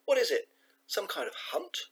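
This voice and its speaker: A man putting on a shrill panicky mother. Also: very animated, normal speed, a bit bright, slightly rough. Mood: alarmed. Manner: shrill and alarmed. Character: panicky fussy mother, middle-aged woman.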